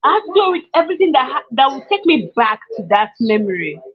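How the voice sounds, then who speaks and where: A woman's voice: high-pitched, big pitch swings, quick pace, breathy edge. A woman from Nigeria telling her personal story in casual conversation, emotional, laughing often and repeating herself. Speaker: guest sharing her story. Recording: muffled lo-fi sound.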